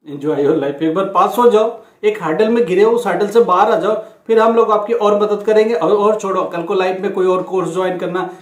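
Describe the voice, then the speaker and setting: A man's voice: sits high, a little mellow. A man talking casually to students, earnest and reassuring, warning them off scams. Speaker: education channel host. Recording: echoey room.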